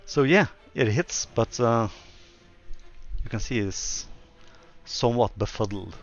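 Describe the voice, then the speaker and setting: A man narrating as game master of a tabletop game, relaxed and chatty, laughing often. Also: mid-range voice, slow pace, dull audio, faint music behind.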